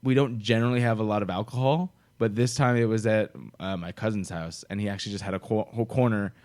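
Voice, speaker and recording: Talking fast, this young man has a fairly low, slightly mellow voice and fairly even intonation. He co-hosts a podcast, chatting casually and spinning stories. Frequent laughter punctuates his talk.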